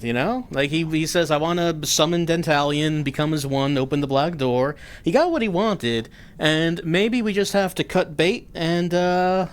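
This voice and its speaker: A man giving casual, wry commentary as the host of a game playthrough. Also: a little high. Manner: dry, wry joking. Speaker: gaming host.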